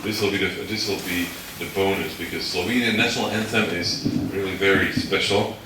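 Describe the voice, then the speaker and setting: Low-voiced man lecturing in an echoey hall. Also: steady tone, a little fast. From Slovakia. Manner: explains step by step and checks in with the audience. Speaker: guest lecturer. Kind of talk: university lecture. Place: university lecture room. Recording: echoey hall, distant mic, background noise.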